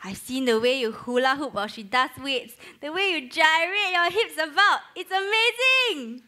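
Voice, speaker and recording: A woman's voice: a little high, a little fast, fairly bright tone, natural voice. A young woman, acting in a student play as a former mean girl who is now awkwardly and eagerly trying to be nice. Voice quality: awkward, overeager.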